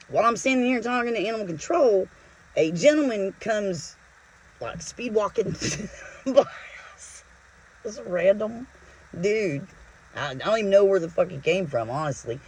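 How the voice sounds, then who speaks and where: A woman telling a story casually to camera, animated and profane, laughing often as she retells it. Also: mid-range voice, normal speed, pauses often, slightly rough, rough recording. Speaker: vlogger.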